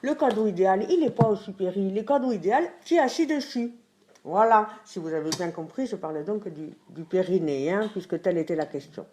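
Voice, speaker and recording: A woman's voice: medium pitch, expressive, a little fast, warm tone, a little hiss or hum. A woman doing a comedy sketch monologue as a reporter presenting survey results, chatty and mock-earnest, with lots of hesitant fillers.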